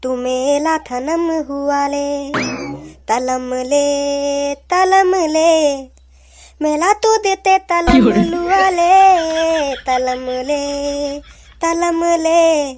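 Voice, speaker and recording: A lisping young village girlfriend from a cartoon, as a woman puts her on, coy and sulky. Her voice sits high and every consonant melts into baby talk, with music running underneath. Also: very fast, natural voice. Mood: singing. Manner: heavy baby-talk lisp, mangled consonants. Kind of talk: cartoon voice acting.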